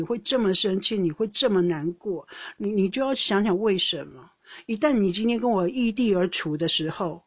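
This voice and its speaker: A woman hosting a podcast tells a personal story in a rambling, casual chat, laughing often and restarting her sentences. She's the older sister, co-hosting with her sister, and her medium-pitched voice is husky.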